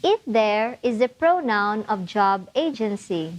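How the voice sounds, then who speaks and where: A woman narrating a test preparation lesson, explaining answers clearly and encouragingly. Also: medium pitch, animated, slow pace, muffled recording. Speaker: test prep instructor. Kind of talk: scripted teaching narration.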